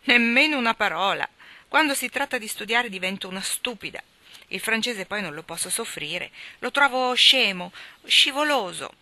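A woman's voice: a little high, animated, normal speed, pushed and bright, no echo, pitched above the performer's own voice. A woman voicing a blunt, rebellious young woman in a storybook reading, speaking brusquely and emphatically.

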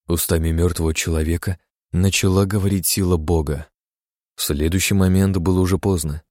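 A man narrating a fantasy audiobook in a deep, mellow voice. His reading is steady and dramatic. The sound is dry, with no room around it. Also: a little fast, no echo.

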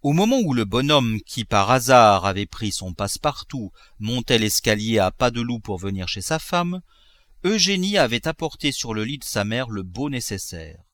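A male narrator reads a classic novel aloud with a lively, expressive melody and an even, mid-range voice. The recording is close and dry, with no room echo. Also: medium pitch, normal speed. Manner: expressive, varied intonation. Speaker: audiobook narrator. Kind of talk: audiobook reading of a classic novel.

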